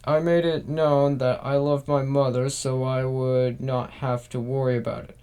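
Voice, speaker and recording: A man's voice: mid-range voice, level tone, unhurried, warm tone, clear, resonant tone, lo-fi sound, natural voice. A man reading out the messages of a cold, manipulative older grandmother in a plain, barely acted voice.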